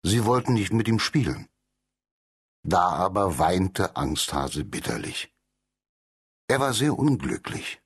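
Male audiobook narrator for kids' stories, unhurried, husky tone, lively pitch. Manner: animated storytelling with character voices. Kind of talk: children's storybook narration.

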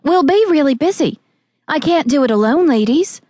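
A narrator acts out an excitable woman who runs a coffee shop in a cozy mystery audiobook. She is exasperated and pleading, pitched up high, in a dry recording. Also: normal speed, dry recording. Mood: pleading, frantic.

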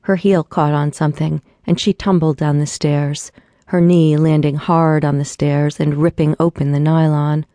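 Low, dark-voiced woman narrating an audiobook. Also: little pitch movement, moderate pace, no echo, studio quality.

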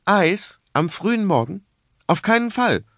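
A man doing a brisk, firm mother. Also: sits high, sing-song, a bit bright, no echo, studio quality, voice pushed up, exaggerated voice. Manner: brisk, no-nonsense. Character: firm sensible mother of a small child.

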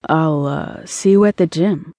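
A man's voice: on the high side, measured pace, warm tone, no room sound, studio quality, lightly acted. A woman doing a breezy, evasive young boyfriend. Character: casual commitment-shy young boyfriend.

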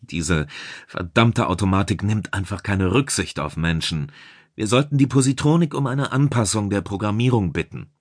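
A man voicing a gruff middle-aged chief engineer who barks blunt orders in a sci-fi audiobook. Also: fairly low pitch, normal speed, dry recording, clean studio sound. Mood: wry.

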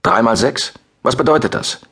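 A man's voice: mid-range voice, expressive, moderate pace, a bit bright, breathy edge, voice pushed up, heavily acted. A man voicing a bull-necked guard commander in his early fifties, who talks in a cold, hissing, threatening way and drops into menacing whispers. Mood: mocking.

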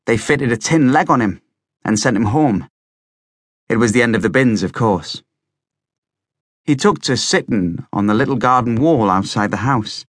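A man narrating an audiobook in a plain, steady storytelling way. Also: on the low side, no room sound, studio quality.

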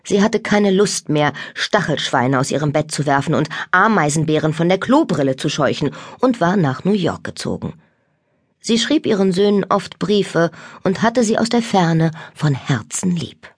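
A woman narrating a children's audiobook with lively, expressive storytelling on a close studio mic. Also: on the low side, normal speed, slightly rough, dry recording.

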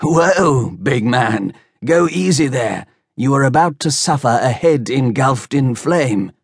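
A man voicing a calm, lightly teasing young man who talks a drunken friend down. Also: medium pitch, slow, no echo, studio quality, full character voice. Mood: wry calming. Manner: smooth, reasoning, lightly teasing. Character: calm, wry young man soothing a brawler.

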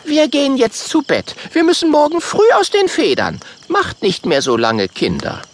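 A man voicing a motherly adult female porcupine in a children's audiobook, gently firm. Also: very high-pitched, huge pitch swings, normal speed, slight background noise, voice pushed up, exaggerated voice.

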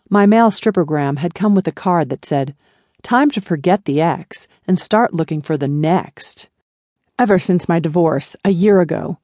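A woman narrating a first-person memoir audiobook in a measured, even storytelling manner. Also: low voice, no echo.

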